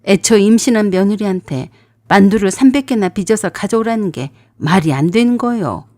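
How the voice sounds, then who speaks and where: A woman voicing a calm, measured older father-in-law in a radio drama. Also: mid-range voice, no room sound, studio quality, lightly acted. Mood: reproving.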